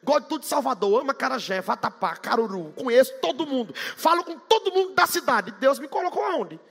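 A man from Bahia with a Bahian accent, preaching a sermon fast and with fervor, rising to shouts and a sing-song cadence. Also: very high voice, very animated, gravelly. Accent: Bahian Portuguese. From Bahia, Brazil. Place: church hall. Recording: long hall reverb.

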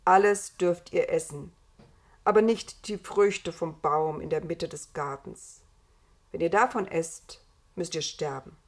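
A woman's voice: fairly low pitch, unhurried. A woman voicing God as a stern male creator giving a solemn warning in a storybook reading. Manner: solemn, admonishing.

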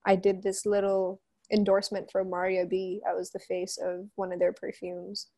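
A woman's voice: medium pitch, monotone, normal speed, dark tone. A woman in her twenties with a Pakistani accent, telling her story frankly and informally as an interview guest, slipping between English and Urdu. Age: 20s. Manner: frank, informal, with quoted asides. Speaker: interview guest, musician and model. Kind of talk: candid conversational storytelling, mixing in Urdu phrases.

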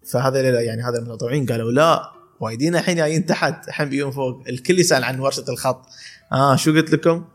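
A man's voice: medium pitch, racing. A man in his twenties with an Emirati accent, a calligrapher telling stories in casual podcast chat, laughing often and restarting his sentences. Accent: Emirati Arabic. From UAE, Khor Fakkan. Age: 20s. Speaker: calligrapher guest.

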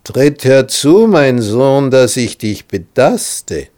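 A man voicing Isaak, an old blind father who is suspicious and questions slowly and deliberately. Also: mid-range voice, big pitch swings, darkish tone, voice pushed up.

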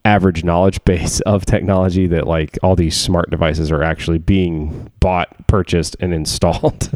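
A man's voice: sits low, flat delivery, moderate pace, a little mellow, dry recording, studio quality. A man co-hosting a casual tech podcast, rambling with lots of fillers and frequent laughs. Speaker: podcast co-host, tech worker. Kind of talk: casual chat.

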